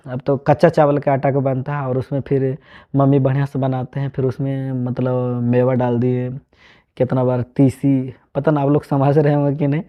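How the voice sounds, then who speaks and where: A man from Bihar with a Bihari accent, teaching a math lesson online. He asks questions and answers them himself, mixing Hindi with regional dialect. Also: medium pitch. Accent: Bihari, Magahi-tinged Hindi. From Bihar, India. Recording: dull lo-fi sound.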